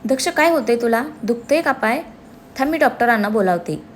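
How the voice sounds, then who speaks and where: A woman voicing an emotional, quick-tempered young woman. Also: a little high, animated, a little hiss or hum, lightly acted. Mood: feisty. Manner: emotional, feisty.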